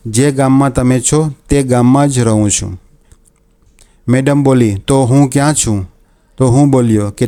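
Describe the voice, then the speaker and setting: Male storyteller, mellow low-brightness timbre, calm first-person narration.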